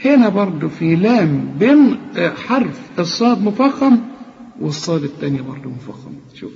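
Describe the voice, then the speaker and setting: A man with an Egyptian accent teaching Quran recitation, explaining each rule step by step and then chanting the words slowly. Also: high-pitched, very animated, a little mellow. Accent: Egyptian Arabic. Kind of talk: tajweed lesson with chanted examples. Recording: dull lo-fi recording with long reverb.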